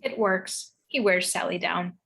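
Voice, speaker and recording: A woman's voice: fairly low pitch, a little slow, creaky, a bit bright, slightly rough. A woman narrating the stage directions of a script in a read-through.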